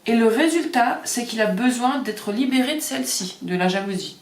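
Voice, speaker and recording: The voice is a woman's, a little high and at a moderate pace. She's doing a relaxed card reading in an echoey room, stumbling through with fillers and repeating what the cards say.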